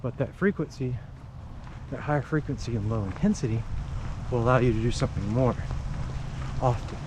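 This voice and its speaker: Man talking while jogging outdoors, clear background noise. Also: mid-range voice, a little fast. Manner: talking while jogging, in short broken phrases. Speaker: running vlogger. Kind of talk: casual explanatory vlog talk while running. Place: outdoors on a run in the rain.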